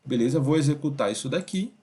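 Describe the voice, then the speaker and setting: A young man teaching a programming lesson in a relaxed, conversational way, thinking aloud and checking in with his students often. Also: medium pitch, fast talker. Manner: conversational, thinks aloud, many fillers like "beleza?" and "ó". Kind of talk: casual screen-recorded coding lesson.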